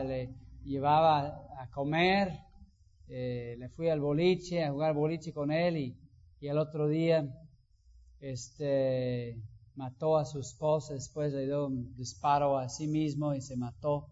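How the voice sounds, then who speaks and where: A man preaching a sermon, acting out quoted voices and rising to loud emphasis. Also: fairly high pitch. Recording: dull sound with long hall reverb.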